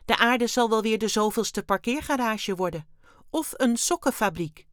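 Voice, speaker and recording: A woman's voice: on the high side, lively intonation, moderate pace, dry recording, studio quality, voice pushed up, close to an everyday voice. A woman reading a children's story aloud, voicing a cheerful, small, hairy blue alien with chirpy, odd turns of phrase. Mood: chirpy, eager.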